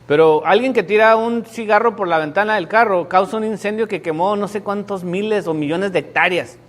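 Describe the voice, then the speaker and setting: A middle-aged man, a pastor preaching a sermon to his congregation with emphatic, dramatic storytelling. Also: high-pitched. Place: church sanctuary before a congregation.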